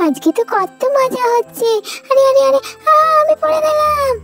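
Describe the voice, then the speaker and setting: Woman doing a squeaky mischievous little kid. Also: steady tone, moderate pace, loud music behind the voice. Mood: gleeful. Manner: high childish whining calls. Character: mischievous little child, playful and impatient. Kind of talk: storybook doll-story voicing.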